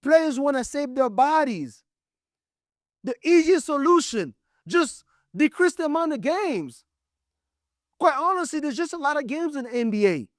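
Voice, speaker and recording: A man's voice: extremely high pitch, big pitch swings, measured pace, no echo, studio quality. A man from Congo giving blunt, emphatic opinion commentary on basketball as the show's host. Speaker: sports commentator.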